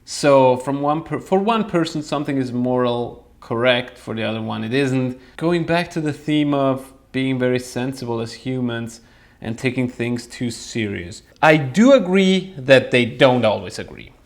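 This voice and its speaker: A man's voice: mid-range voice, moderate pace. Hesitant young man from Switzerland, chuckling. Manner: thoughtful, hesitant, chuckles often. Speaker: vlogger. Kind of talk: casual chat to camera.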